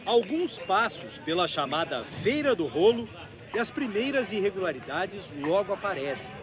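A male TV reporter with a Brazilian accent, narrating a news report in a measured, grave tone. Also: high voice, big pitch swings, over music. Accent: Brazilian Portuguese.

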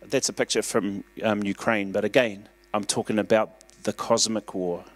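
A man's voice: fairly low pitch, fairly even intonation, normal speed. A man preaching a sermon in a church, in an earnest, conversational way, pushing up for emphasis. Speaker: pastor.

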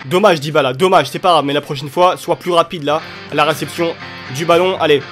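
A young man giving excitable, chatty commentary over his football video game matches, cheering at goals. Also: fairly high pitch, fairly quick. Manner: excitable, cheers and shouts at plays. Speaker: gaming YouTuber. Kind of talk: live gameplay commentary. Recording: light music underneath.

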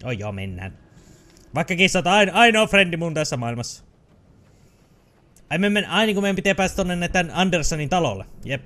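A young man giving jokey, excitable let's-play commentary, who often shouts at the game. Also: on the high side, pauses often. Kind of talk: casual gameplay commentary.

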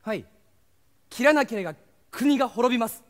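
A man's voice: extremely high pitch, animated, moderate pace, big-room sound. An actor playing an earnest, eager young male swordsman with an urgent way of talking, on a stage recording with music.

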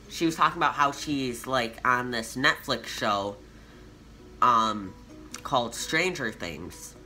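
A teenage boy telling a casual storytime to his channel, chatty and full of "like" fillers. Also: medium pitch. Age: teens. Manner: chatty, filler-heavy with frequent "like"; youthful and animated. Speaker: vlogger.

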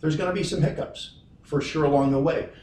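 A man's voice: fairly high pitch, steady tone, fairly quick, background noise. Reassuring middle-aged man, echoey room. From Western New York. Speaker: financial firm president. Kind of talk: reassuring conference-room talk. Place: wood-paneled conference room. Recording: roomy echo from far off.

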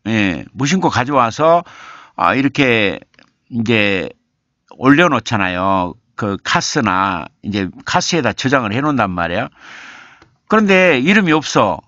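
A man's voice: medium pitch, sing-song, a little slow, sharp tone, no echo. An older man, a literature professor, hosting a casual live stream, reading viewers' comments aloud, teasing them playfully and explaining things patiently with much repetition. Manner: explains patiently, repeating himself. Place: home streaming room. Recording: dull lo-fi live-stream audio.

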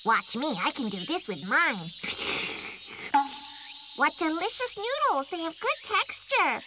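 Cartoon casting: eager little girl, high and swooping, overacted anime dub delivery. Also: big pitch swings, unhurried, very noisy. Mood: excited. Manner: exclamatory, childlike.

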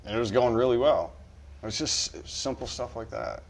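A man's voice: medium pitch, expressive, moderate pace. A middle-aged man, a fishing guide, talking casually on a podcast, rambling with many restarts.

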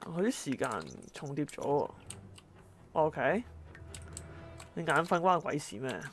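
A gameplay commentator doing a let's-play, a woman with a slightly low voice talks at a measured pace while she plays, exclaiming in exasperation and scolding the on-screen characters.

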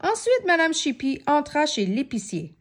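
A woman reading a children's story aloud, slowly and expressively, giving each character a voice. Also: high-pitched. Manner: expressive, slow and clear, voicing many characters.

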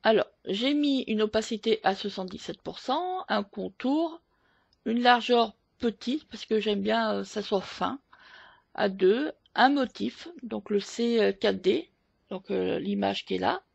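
A woman hosting a photo editing tutorial, explaining each step slowly with hesitant fillers. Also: mid-range voice, gravelly, breathy edge, no echo, lo-fi sound. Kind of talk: screen-recorded software tutorial.

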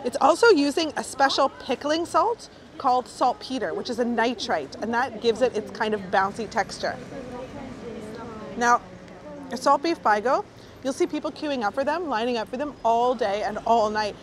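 With crowd noise and street clamor around her, a woman with a fairly high voice guides viewers on a food tour at a normal speed. She's chatty and enthusiastic as she moves between the outdoors and little food shops.

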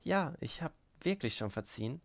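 A man reading the lines of a passionate, volatile young woman in a German audiobook, his gravelly voice barely changed. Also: a little high, animated, normal speed, voice pushed up.

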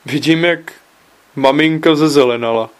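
A male reader plays a bewildered teenage son in a comic story. He answers innocently and in puzzlement, then turns shrill with exasperation. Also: natural voice. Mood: puzzled.

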